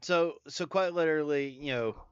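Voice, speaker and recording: A man's voice: a little high, normal speed, clear, resonant tone, dry recording, lo-fi sound. A man with a mountain North Carolina accent, chatting casually with viewers on a livestream and thanking them by name. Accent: Southern US, North Carolina mountains.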